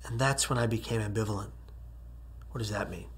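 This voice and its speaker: A man's voice: fairly low pitch, a little fast, slight background noise. A man giving an earnest personal testimony talk, moving between near-whispered passages and strong emphatic rises. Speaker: speaker telling his survival story.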